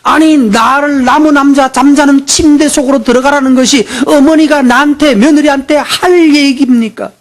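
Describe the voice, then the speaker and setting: A man's voice: very high-pitched, fairly even intonation, normal speed, few pauses, pitched above the performer's own voice. A man voicing an indignant young daughter-in-law who protests with rhetorical questions.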